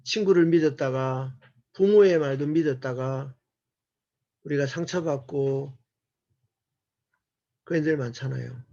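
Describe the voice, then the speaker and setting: A man's voice: medium pitch, a little slow, gravelly, pauses often, warm tone. A man giving an earnest, sermon-like discipleship lecture to a church class, asking the audience rhetorical questions. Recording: muffled lo-fi recording.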